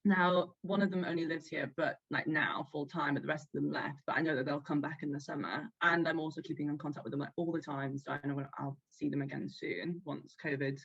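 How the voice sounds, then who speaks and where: A woman's voice: deep voice, fairly even intonation, fairly quick, vocal fry, few pauses, husky. Young woman guest, giggly and chatty, slightly dull lo-fi recording. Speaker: podcast guest. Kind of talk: casual chat.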